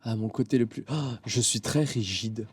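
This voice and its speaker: A man in his thirties from France, a comedian and doctor, chatting casually as an interview guest and telling animated stories with lots of fillers. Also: medium pitch, moderate pace, breathy edge. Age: 30s. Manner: relaxed, animated storytelling with many fillers. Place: venue backstage, indoors.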